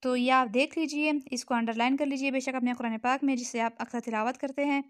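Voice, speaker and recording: A woman's voice: high-pitched, steady tone, dry recording, studio quality. Patient woman teaching Quran recitation. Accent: Pakistani Urdu. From Pakistan. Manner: patient, repeats each word slowly and checks in with "theek hai". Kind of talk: tajweed lesson explanation.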